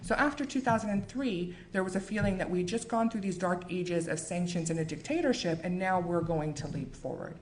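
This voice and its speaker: American woman, author, book talk and reading, measured and earnest, lowish voice, faint noise behind. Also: darkish tone. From United States. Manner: measured, earnest, with frequent fillers.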